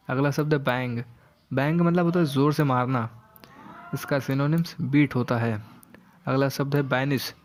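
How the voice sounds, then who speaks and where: A man teaching exam vocabulary word by word in a steady, repetitive drill, often repeating key words. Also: medium pitch, slight background noise. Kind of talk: exam vocabulary lesson read from a list.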